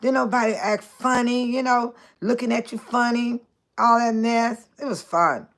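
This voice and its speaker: In her 60s and from around Chicago, this woman runs a chatty livestream, reading comments and calling out viewers by name while laughing a lot. She speaks at a normal speed in a slightly bright voice on the high side, with fairly even intonation.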